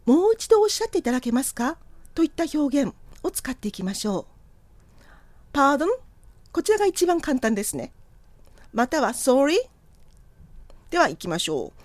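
A woman's voice: high-pitched, a little mellow, dry recording. Polite woman teaching English. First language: Japanese. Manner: models English phrases slowly for learners to repeat; polite, encouraging teacher's Japanese. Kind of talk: lesson on polite English for customer service.

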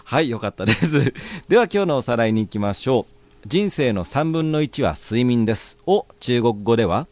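Lively-pitched man hosting a language segment. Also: no echo. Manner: friendly questioning, quick nods and back-channels. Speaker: host. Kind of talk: radio language lesson.

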